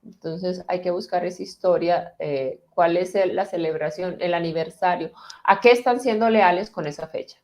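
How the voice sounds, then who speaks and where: A middle-aged woman therapist speaking slowly and calmly, guiding listeners through a reassuring talk that answers their questions. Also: lowish voice. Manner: calm, slow, reassuring guidance with pauses. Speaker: transgenerational therapist.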